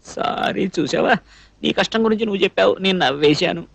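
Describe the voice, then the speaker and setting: A man's voice: high voice, a little fast, creaky, fairly bright tone, dry recording, heavily acted. An actor playing a shy, naive young man in a dubbed comedy film scene, talking in a flustered, rambling way. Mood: bashful.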